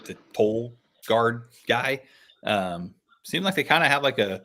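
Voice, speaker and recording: A man's voice: medium pitch, animated, unhurried, bright, forceful tone. A man hosting a casual online book club livestream in a laid-back, slangy way. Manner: laid-back, says "dude" and "like" a lot. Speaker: livestream host.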